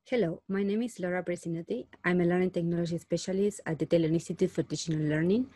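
A woman from Argentina speaks as a guest in a podcast interview. Her voice sits on the low side. She answers thoughtfully and often pauses on "uh" between phrases. The sound is dry and close. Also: fairly even intonation, warm tone, no room sound. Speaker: learning technology specialist, guest.

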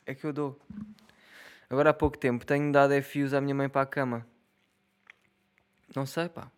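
A man's voice: medium pitch, flat delivery, a little fast, smooth. A young man in his twenties with a European Portuguese accent, rambling and joking in a casual solo monologue, swearing freely and laughing at his own jokes. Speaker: solo podcaster.

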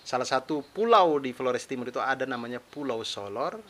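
With lively intonation and a brisk, fairly bright medium-pitched voice, a young adult man runs his own chatty, self-deprecating solo podcast. He comes from East Nusa Tenggara, Indonesia, speaks with a mixed eastern Indonesian accent, and also does stand-up; faint hiss is audible.

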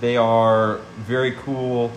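A man's voice: mid-range voice, little pitch movement, slow. A young man co-hosting a podcast in casual chat, rambling and laid-back, with lots of fillers. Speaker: podcast co-host. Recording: echoey room with faint noise.

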